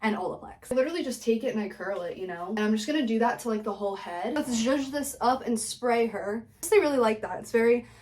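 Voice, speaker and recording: This young influencer talks fast with few pauses, her slightly mellow voice sitting on the high side with lively intonation. Filming a casual home vlog in her bedroom and bathroom, she chats to the camera and says "like" constantly.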